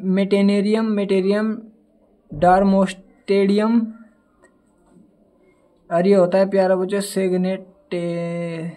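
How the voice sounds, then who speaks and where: A man's voice: high voice, warm tone. A young man teaching a casual chemistry lesson, chatty and fond of calling his students dear children, stumbling and apologizing over hard element names. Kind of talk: casual classroom lesson with mnemonics.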